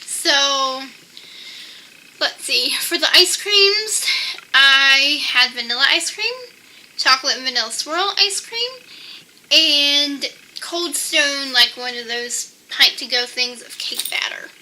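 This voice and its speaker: A woman's voice: high voice, takes it slowly, pushed and bright, a little hiss or hum, rough recording. A young adult woman giving tips in a casual, chatty monologue, peppering her sentences with "like". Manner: chatty, with frequent "like". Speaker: vlogger sharing personal tips.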